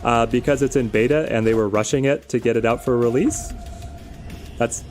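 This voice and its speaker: A man's voice: mid-range voice, fairly even intonation, moderate pace. A man giving casual live game commentary as a streamer, thinking aloud and explaining strategy in a conversational way. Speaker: game streamer answering viewers' questions. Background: music.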